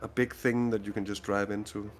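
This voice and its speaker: A man doing live commentary on a sim race, chatty and quick to laugh, who often trails off mid-sentence. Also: lowish voice, little pitch movement. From Denmark. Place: at home in a sim racing rig.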